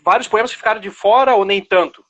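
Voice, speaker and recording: A man with a high, husky voice hosts an interview over a video call. He speaks in a friendly way, often stumbling over and repeating words. The talk is casual and unscripted. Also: quick pace, a bit bright, dull audio. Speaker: interviewer at a book launch.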